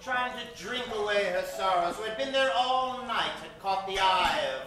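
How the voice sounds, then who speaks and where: In a theatrical, suspenseful old-time radio style, a man narrates and announces with a fairly high voice at normal speed, lightly acted. The sound is very noisy and very echoey, like a distant stage recording with music behind it.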